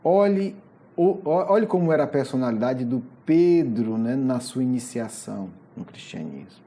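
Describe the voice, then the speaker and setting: At a moderate pace and mid-range pitch, a spiritist lecturer retells a Gospel passage with animated storytelling. His Brazilian Portuguese accent is clear, and he often adds questioning asides.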